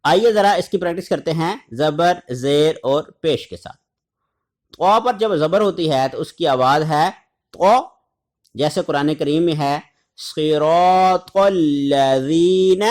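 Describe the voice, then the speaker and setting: A man from Pakistan teaching a tajweed lesson, repeating syllables slowly and deliberately and chanting short recitation examples. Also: a little high. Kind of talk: tajweed lesson, drilling letter sounds.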